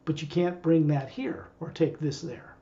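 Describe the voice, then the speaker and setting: A man's voice: fairly high pitch, steady tone, unhurried, warm tone, lo-fi sound. A man who acts as a spiritual teacher, talking casually and digressively to a small group. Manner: rambling, digressive.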